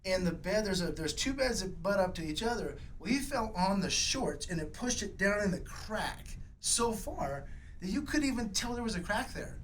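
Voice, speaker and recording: High-voiced man telling a lively story. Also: moderate pace, slight background noise, poor audio. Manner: animated, lively storyteller who laughs at his own tale. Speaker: coach. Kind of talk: casual podcast storytelling.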